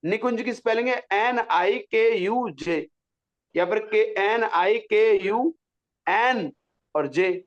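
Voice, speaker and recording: A man's voice: very high-pitched, lo-fi sound. A man teaching a pronunciation lesson, patiently drawing out syllables to demonstrate them. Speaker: Sanskrit teacher.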